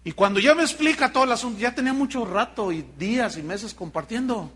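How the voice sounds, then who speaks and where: Preaching at a quick pace, a Mexican pastor with a bright, high voice brings Bible stories to life and jokes with the congregation along the way. The sermon stays forceful and bright throughout.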